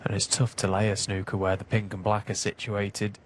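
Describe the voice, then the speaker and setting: A man commentates on snooker in a low, hushed voice with very little melodic movement. He is measured and analytical, unhurried in his delivery. Clear background noise from the hall sits behind him. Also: completely flat delivery.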